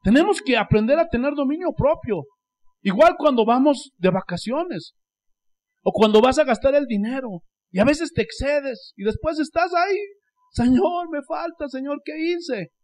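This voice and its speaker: A Bolivian pastor preaching in a high, tenor-range voice. His pitch leaps and falls widely as he swings from loud exclamations down to near-whispered asides. He keeps coming back to a repeated refrain of praise. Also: expressive, normal speed. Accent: Bolivian Spanish. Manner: repeats "Gloria a Dios" as a refrain. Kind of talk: sermon.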